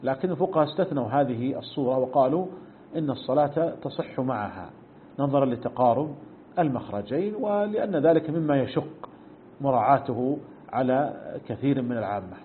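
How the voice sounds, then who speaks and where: A man's voice: mid-range voice, lively intonation, fairly quick, slight background noise. A middle-aged man teaching a religious text, explaining points and demonstrating pronunciations as he goes. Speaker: sheikh teaching a fiqh text. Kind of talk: recorded religious lesson. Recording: tinny phone-like lesson recording.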